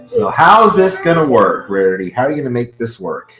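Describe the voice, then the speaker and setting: A man's voice: medium pitch, big pitch swings, fairly quick. A man hosting a casual reaction video, commenting with gushing, repetitive fan enthusiasm. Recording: roomy echo, faint music behind.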